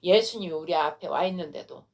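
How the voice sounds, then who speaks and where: A woman pastor preaching a sermon, retelling a story with animated delivery and frequent rhetorical questions. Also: fairly low pitch, a little fast.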